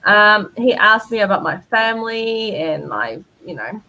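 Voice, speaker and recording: A woman's voice: medium pitch, sing-song, measured pace, sharp tone. A woman answering audience questions as a guest speaker on a live stream, cheerful, laughing often and using many fillers. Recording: dull lo-fi stream audio.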